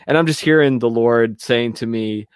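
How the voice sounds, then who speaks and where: A man who is a radio show guest, telling a personal story in a halting, candid way with many restarts. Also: mid-range voice, smooth, no room sound, studio quality.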